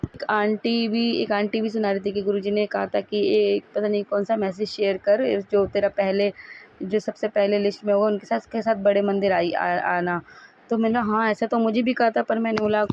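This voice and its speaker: A woman's voice: medium pitch, a little hiss or hum. A woman giving a devotional testimony at home, repeating thanks fervently and restarting her phrases as she talks into a phone. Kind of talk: devotional testimony, casual recorded monologue. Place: at home, seated before a guru's picture. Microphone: phone voice recording. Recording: dull lo-fi phone recording.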